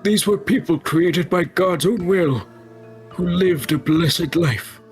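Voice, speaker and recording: A woman's voice: lowish voice, a little mellow, faint music behind. A woman voicing a forgetful, meandering old man while reading a game's dialogue aloud. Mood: solemn storytelling. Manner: slow, meandering storyteller. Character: rambling forgetful old man, elderly sage.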